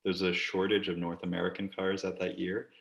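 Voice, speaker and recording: A man's voice: sits low, monotone, a little fast, gravelly, roomy sound, rough recording. A man co-hosting a casual podcast chat, rambling and joking, with casual swearing. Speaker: podcast co-host. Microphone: desk camera.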